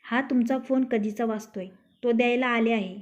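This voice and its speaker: A woman voicing a sharp-tongued, steady young wife in a storybook tale, speaking curtly and scolding. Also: fairly high pitch, moderate pace, close to an everyday voice. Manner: curt, scolding. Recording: dull lo-fi recording.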